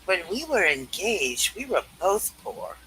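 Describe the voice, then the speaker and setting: A performer playing a sorrowful young fiancée, speaking earnestly and deliberately in an amateur play reading. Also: medium pitch, big pitch swings, bright, forceful tone, slightly rough, pitched below the performer's own voice, full character voice, rough recording. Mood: sad, reproachful. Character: sorrowful young fiancée gently ending her engagement.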